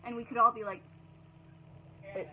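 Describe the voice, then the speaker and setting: Animated high-voiced young woman telling a story. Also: unhurried, a little hiss or hum, low-quality recording. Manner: animated, profane storytelling with many fillers. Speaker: vlogger. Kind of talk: storytime vlog.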